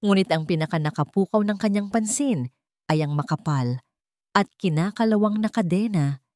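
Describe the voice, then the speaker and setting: Narrating a scripted dramatic story, this Filipino-accented woman speaks at a medium pitch and normal speed, her tone a little mellow. The sound is clean studio audio with no room sound.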